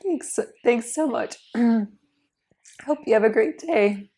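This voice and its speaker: Female vlogger, voice nearly gone, raspy strained whisper, apologetic delivery to camera. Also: on the high side, slow pace, mellow. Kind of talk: apologetic vlog outtake.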